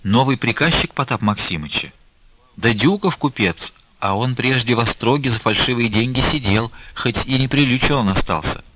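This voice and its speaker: A man's voice: mid-range voice, animated, moderate pace, sharp tone, dry recording, poor audio. A man voicing a meek, fretful elderly nun who pleads and laments. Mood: pleading.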